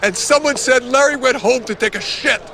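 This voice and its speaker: A man's voice: very high voice, normal speed, creaky, pushed and bright, exaggerated voice. An actor playing an indignant middle-aged man who scolds a guest for leaving his party early, in a sitcom scene. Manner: huffy, scolding.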